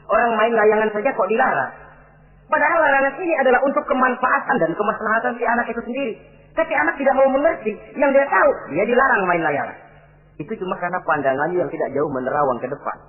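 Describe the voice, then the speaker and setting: Middle-aged male preacher, high voice, lively sermon delivery, tinny lo-fi recording. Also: quick pace. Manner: animated, acts out quoted voices.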